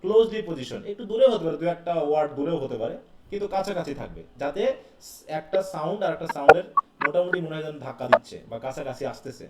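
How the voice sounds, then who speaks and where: A man teaches a class, talking students through each point and asking them questions as he goes. His voice sits a little high for a man. It comes from some way off in an echoey room with a faint hiss. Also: lively intonation, quick pace. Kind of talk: live class lecture. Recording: echoey classroom heard from a distance.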